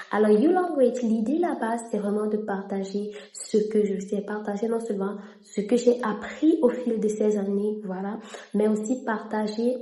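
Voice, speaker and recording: Speaking to camera in a laid-back vlog, a young French-speaking woman from Cameroon tells her story and breaks into English mid-sentence. She has a mid-range voice with a dark tone and works as both a vlogger and an interpreter, and the space sounds echoey.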